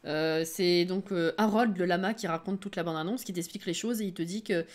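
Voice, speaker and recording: A woman streamer reacting live to a game trailer, excitable, laughing often and thinking aloud. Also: on the low side, a little fast.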